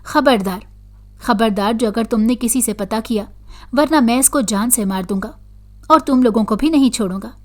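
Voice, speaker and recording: List: woman putting on a male jinn, heavy voice, menacing, threatening, high and loud. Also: unhurried, lightly acted. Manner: threatening, shouting.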